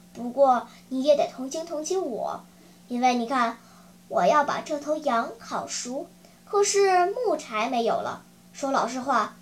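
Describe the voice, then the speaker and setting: A woman voicing a gruff, bearded male puppet master who is cold at first, then softens, and keeps breaking into sneezing fits. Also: high-pitched, pitched below the performer's own voice.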